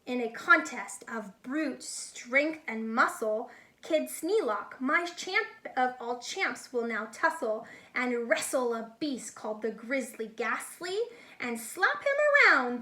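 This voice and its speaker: In a high, bright voice, a woman reads aloud to young children. She goes slowly and deliberately yet stays animated, much like a teacher sharing a picture book who stops now and then to explain things to her audience.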